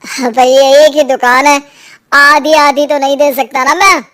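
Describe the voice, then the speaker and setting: A woman's voice: sits high, little pitch movement, a little slow, fairly bright tone, voice pushed down. A woman voicing a blunt, matter-of-fact male shop owner. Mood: firm.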